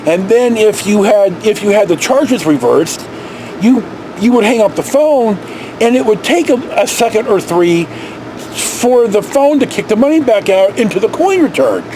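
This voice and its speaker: Speaking a little slowly in a high-sitting voice, this middle-aged American vlog host rambles through personal anecdotes, salty and full of swearing. Background noise comes through on the indoor recording, made with a camera at arm's length.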